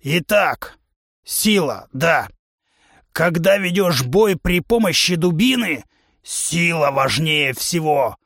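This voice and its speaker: A man's voice: a little high, animated, slow, a bit bright, dry recording, clean studio sound, full character voice. Male reader playing a blustering beast-man drill instructor for an audiobook, raised voice, barking orders. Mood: lecturing. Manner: bellowing, blustering drill-sergeant delivery. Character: huge hot-tempered male musk-ox humanoid club trainer. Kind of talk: audiobook character voice.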